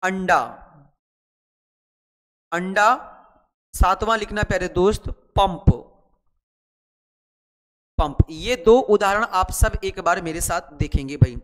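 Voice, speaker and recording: A man's voice: sits high, takes it slowly, long pauses, fairly bright tone, in a large hall. A man teaching shorthand in a chatty online lesson, repeating words and asking and answering his own students' questions. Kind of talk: online lesson, explaining while writing.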